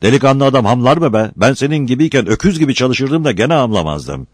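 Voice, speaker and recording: A man voicing a harsh, domineering middle-aged villager who scolds in a raised, higher voice. He is reading the part aloud in a storybook reading. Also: big pitch swings, fast talker, dry recording, studio quality. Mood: scolding.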